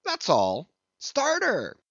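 A man voicing a rowdy, excitable whaleboat mate who bellows orders at his crew. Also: fairly high pitch, slow, no room sound, dull audio, voice pushed up, full character voice. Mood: yelling urgently. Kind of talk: audiobook character voice.

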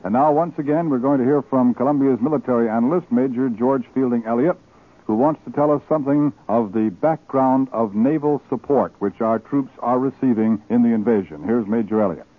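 A man's voice: mid-range voice, fairly quick. A man anchoring a network newscast, reading bulletins in a formal announcer's delivery that repeats key facts, heard as an old 1940s wartime radio broadcast. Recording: tinny narrow-band 1940s radio broadcast.

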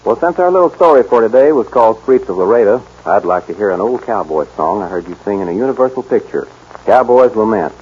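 A man's voice: on the low side, animated, fast, slightly rough. A man performing on a western radio show, with folksy, scripted cowboy banter. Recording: dull vintage radio broadcast.

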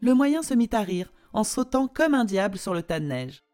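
A woman narrating a storybook tale in a slow, expressive telling. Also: medium pitch, soft background music.

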